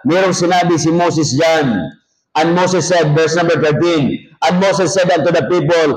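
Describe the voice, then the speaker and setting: A male pastor with a Filipino accent preaching a sermon in an air-conditioned church. He jokes with the congregation, and his voice rises to a near shout when he reads scripture. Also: a little high, poor audio. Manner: folksy, joking asides to the congregation.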